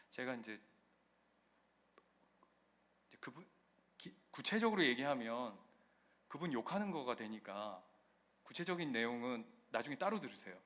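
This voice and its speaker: A male pastor preaching a sermon, moving between loud emphasis and quiet storytelling. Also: mid-range voice.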